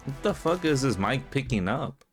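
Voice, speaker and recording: A man's voice: medium pitch, lively intonation, normal speed, faint music behind. Jokey man reacting to a video. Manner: jokey, profane asides. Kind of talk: casual reaction commentary.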